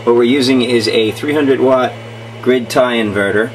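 A man's voice: medium pitch, normal speed, a little hiss or hum, poor audio. A man explaining his home project while filming, in a plain way with many ums and uhs. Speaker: channel host. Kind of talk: casual home-project video walkthrough. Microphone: camera mic, off-screen filming.

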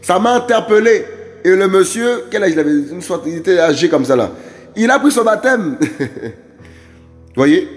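Male evangelist, high voice, urgent repetitive preaching that keeps turning to the listeners. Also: lively intonation, measured pace, long pauses, faint music behind. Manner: emphatic, repetitive exhortations with frequent asides to listeners. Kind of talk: preaching sermon.

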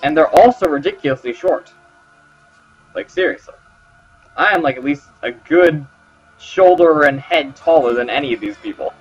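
A man's voice: a little high, lively intonation, moderate pace, pauses often, breathy edge. A man commentating his gameplay, sarcastic and joking as he talks to the characters. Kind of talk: let's play commentary. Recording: slightly dull with game music.

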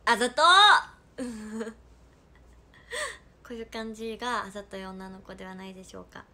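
A woman's voice: mid-range voice, flat delivery, normal speed, fairly bright tone. A playful young woman with a Hakata accent chatting casually on a livestream as an idol and reading viewer comments aloud. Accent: Hakata dialect.

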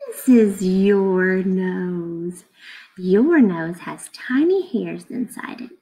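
A woman in her thirties draws out her words as she reads a picture book aloud to children, using a medium pitch. The recording is rough. Her teacherly reading is expressive and instructive, with questions put to the listeners.

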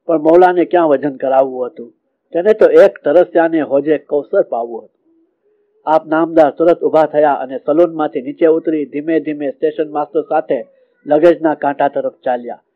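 Man, devotional storyteller, emotive delivery, slightly high voice, thin phone-like audio. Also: fairly even intonation, moderate pace. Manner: emotive, recites verses and prayers. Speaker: religious storyteller.

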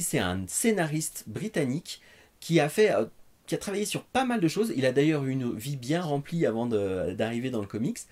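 A man's voice: medium pitch, a little mellow. A man in his thirties with a French accent, presenting casually to camera in a conversational, somewhat hesitant way. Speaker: host of a comics recommendation show. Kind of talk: casual review talk to camera. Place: living room with bookshelves.

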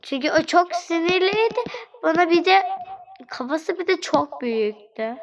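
A woman with a high-pitched voice gives let's-play gameplay commentary. She chats directly to her viewers in a playful, fussing way. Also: normal speed, noisy background. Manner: chatty, talks straight to viewers; playful, fretting over angry customers. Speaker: gaming channel host.

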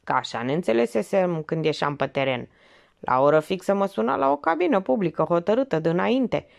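A woman's voice: on the low side, animated, gravelly, darkish tone. A woman reading the part of a sly, coarse male criminal informant who talks in street slang. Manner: slangy, colloquial.

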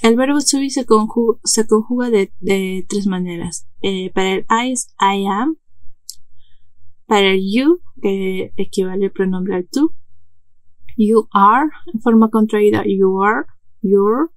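A woman's voice: mid-range voice, slow, no echo. A woman giving a recorded English lesson, speaking patiently, repeating each example and correcting herself as she goes. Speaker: English instructor. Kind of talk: recorded online language lesson.

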